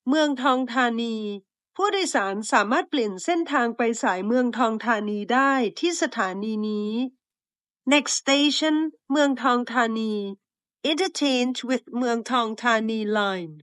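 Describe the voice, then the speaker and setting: Slow, high-voiced woman giving train announcements. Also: expressive, a bit bright, clean tone, no room sound, studio quality. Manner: polite, measured, evenly spaced phrasing. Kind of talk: formal bilingual transit announcement.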